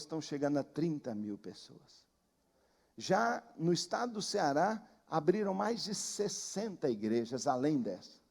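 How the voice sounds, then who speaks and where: High-voiced Brazilian preacher in a ringing hall. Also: male voice, vocal fry, warm tone. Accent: Brazilian Portuguese. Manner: emphatic storytelling, repeating phrases. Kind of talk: sermon. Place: church.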